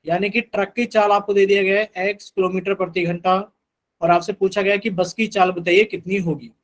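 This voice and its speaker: A man's voice: sits high, little pitch movement, brisk, rough recording. A man teaching a live online math class, patiently repeating instructions to his students.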